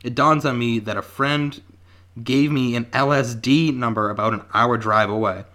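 A man in his twenties reading a story aloud on a casual podcast, laid-back and quick to laugh, swearing freely. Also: mid-range voice, fairly even intonation, bright, forceful tone.

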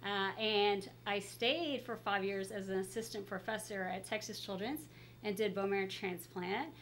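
A woman's voice: mid-range voice, steady tone, normal speed, a bit bright. Female guest, middle-aged, casual and chatty, voice coming through a face mask, noisy recording. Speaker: guest pediatrician. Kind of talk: casual interview, telling career story. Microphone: speaking through a face mask.

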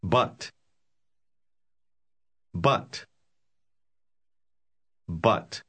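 A man modeling short English phrases for learners, saying each word deliberately and with careful enunciation. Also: on the low side, expressive, fairly bright tone, slightly rough. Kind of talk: slow repetition drills for learners.

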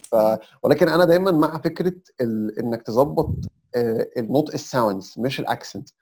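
A man's voice: medium pitch, animated, fast talker, darkish tone, breathy edge. A young Egyptian man with an Egyptian Arabic accent, a podcast guest explaining advice step by step in a casual chat. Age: young adult. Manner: explains step by step, sprinkles English terms.

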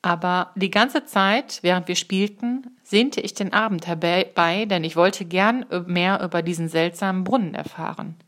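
Calm woman narrator reading a children's story aloud, a lower voice, measured pace, fixes her slips. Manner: calm and measured, with small slips she corrects. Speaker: audiobook reader.

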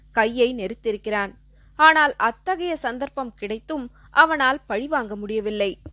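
A woman reading a classic novel aloud as an audiobook narrator, in a measured, expressive storytelling voice. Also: on the high side, dry recording. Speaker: audiobook reader. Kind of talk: scripted narration.

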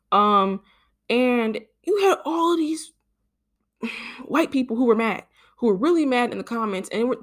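A young woman hosting a solo podcast, speaking, rambling and exasperated, with many fillers and stumbles. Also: on the low side. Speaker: podcast host. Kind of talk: casual solo podcast monologue.

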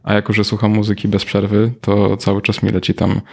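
A man's voice: on the low side, monotone, fairly quick, vocal fry, a little mellow, slight background noise. A man appearing as a guest on a podcast, chatting casually about music he listens to. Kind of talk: casual chat.

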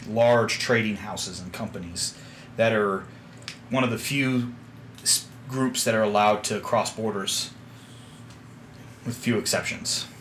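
A man voicing a gruff tiefling sea captain from the south with a Southern US drawl, measured and grave. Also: on the low side, steady tone, a bit bright, a little hiss or hum.

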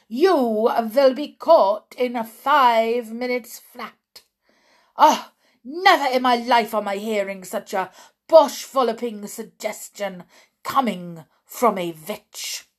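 The shrieking Grand High Witch. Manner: shrieking, screeching, foreign-sounding broken English. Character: tiny furious female Grand High Witch.

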